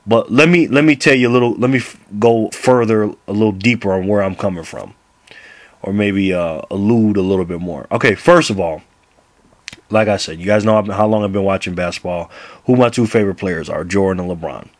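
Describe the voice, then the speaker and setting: Low-voiced man in his thirties, laughing often. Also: brisk, no room sound. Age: 30s. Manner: laughs often, rambling with restarts. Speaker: basketball vlogger. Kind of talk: casual to-camera rant.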